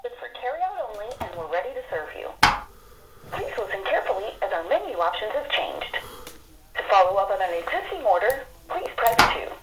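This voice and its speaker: A woman's recorded phone menu message, reading out polite, even prompts about which keys to press. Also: mid-range voice, fairly quick. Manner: polite, even instructional delivery. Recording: noisy phone line from far off.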